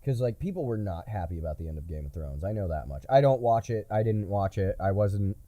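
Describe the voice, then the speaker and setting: A man hosting a podcast in casual chat, from the United States, rambling and swearing with excitable energy. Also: fairly low pitch, fairly quick, no echo, highs cut off. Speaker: podcast host.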